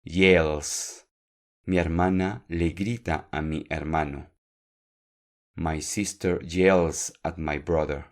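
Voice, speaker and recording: A man teaching a podcast Spanish lesson, speaking slowly and clearly, repeating words for learners and encouraging them. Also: a bass voice, steady tone.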